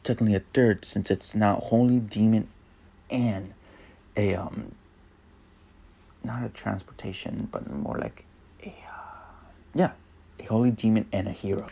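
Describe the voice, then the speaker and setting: A young man reading his own fan fiction aloud, rambling and halting with many fillers and restarts. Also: lowish voice, steady tone, vocal fry, mellow, breathy edge. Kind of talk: improvised fan fiction narration.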